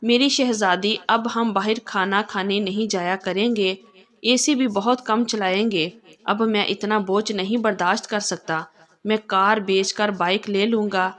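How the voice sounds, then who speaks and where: A woman's voice: mid-range voice, steady tone, a little slow, fairly bright tone, natural voice. A woman voicing an affectionate, playful young husband in a read-aloud story. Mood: worried. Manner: fond and playful.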